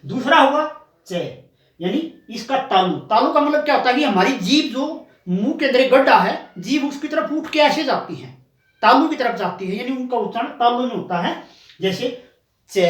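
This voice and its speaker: A man's voice: extremely high pitch, echoey room, recorded from a distance. A male coaching teacher giving a classroom lesson, patiently explaining step by step and sounding out items one by one.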